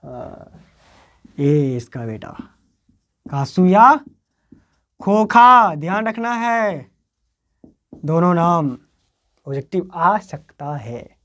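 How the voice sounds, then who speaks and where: A male teacher with a Bihari accent explains a story to board exam students, acting out its quoted lines, his voice swinging between loud and soft. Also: high voice.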